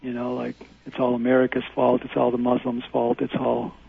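Over a dry, muffled phone line, a man calls in to a radio show to lay out a theory earnestly and insistently. His medium-pitched voice is completely flat, a little fast, creaky and slightly rough, with no echo.

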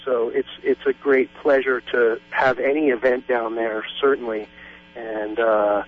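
A man's voice: mid-range voice, little pitch movement, a little slow, slight background noise. A man calling in to a radio show over the phone, talking hesitantly with many fillers and restarts. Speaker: radio call-in caller. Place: Hawaii. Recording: muffled phone line.

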